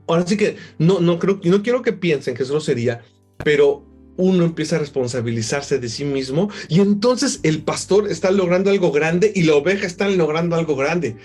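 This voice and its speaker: A man preaching a sermon as a pastor, animated and rising on key phrases. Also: fairly high pitch, husky.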